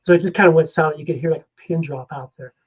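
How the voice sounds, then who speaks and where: Speaking fast in a husky, fairly high voice, a man appearing as a guest investigator spins a lively, casual story and acts out its scenes. The audio quality is poor.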